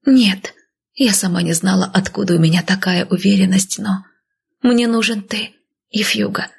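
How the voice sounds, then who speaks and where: A woman reads a first-person fantasy audiobook in a soft, intimate, hushed way. Her voice is husky and gravelly, set at a middle pitch. The narration stays close and quiet. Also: moderate pace.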